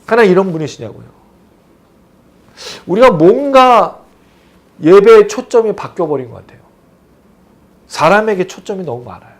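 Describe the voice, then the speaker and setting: A male pastor delivers a sermon in an animated way. His voice is high and moves widely in pitch. He keeps putting rhetorical questions to the congregation. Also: moderate pace, pauses often.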